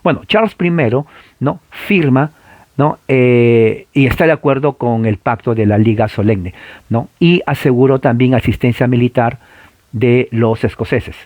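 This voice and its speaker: Lecturing about the history of the church, this man often drops in the filler "eh" and asks "¿no?" at the end of lines. He emphasizes and repeats the main ideas and gets his audience to say them back. His voice is medium-pitched and a little mellow, with no echo.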